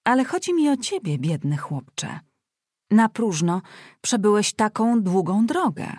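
A woman reading aloud, voicing a fussy, scolding older aunt who talks in an excitable, bossy way. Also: mid-range voice, a little slow, husky, no room sound, clean studio sound, voice pushed up. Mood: excited scolding.

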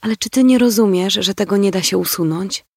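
A man's voice: sits high, fairly quick, vocal fry, a little mellow, breathy edge, no room sound, studio quality, full character voice. A man voicing a distraught young woman, pleading and emotional. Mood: upset. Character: young woman, upset and disgusted bride-to-be.

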